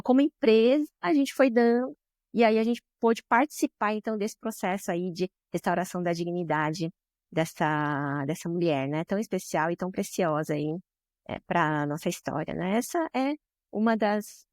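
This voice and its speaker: Lowish and a little mellow, the guest's voice moves at a normal speed through clean studio audio with no room sound. She is a social business director with a Brazilian Portuguese accent, sharing emotional stories in an interview and regularly ending lines with tag questions.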